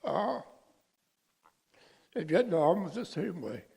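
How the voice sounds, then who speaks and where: Older veteran, gravelly voice, halting delivery, a man from California. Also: high voice, big pitch swings, mellow. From California, USA. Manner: halting, searching for words. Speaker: veteran interviewee. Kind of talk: personal interview.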